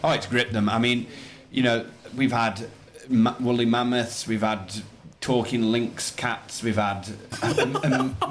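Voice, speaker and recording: This primary school teacher, a man, gives conversational answers as an interview guest, enthusiastic and rambling and often repeating his phrases. His voice is medium-pitched and a bit bright, with a little hiss or hum.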